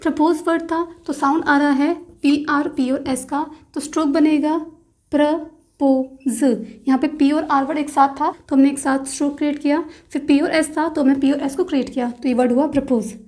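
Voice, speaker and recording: A woman teaching a shorthand class, spelling out example words slowly and deliberately in mixed with terms. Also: high voice, fairly even intonation, darkish tone. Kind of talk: explaining lesson.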